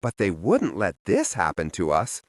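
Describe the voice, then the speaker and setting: A man narrating a first-person audiobook in a wry, expressive storytelling manner, close to the microphone. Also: low voice, moderate pace, no echo.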